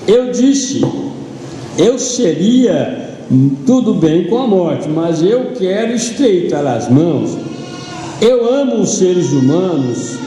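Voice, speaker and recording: A Brazilian pastor preaches in a deep-toned, mellow voice, unhurried and dramatic as he retells a story as his own. His words ring through a large church hall with a long, booming echo and a faint hum of room noise. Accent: Brazilian Portuguese. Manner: slow dramatic retelling of a story in first person. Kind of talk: sermon.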